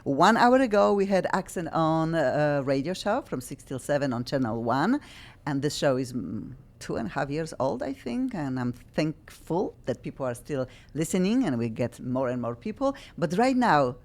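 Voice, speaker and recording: Hosting an English-language talk radio program, this low-voiced woman speaks in halting, non-native English full of restarts. Her pitch swings widely as she pauses to search for words.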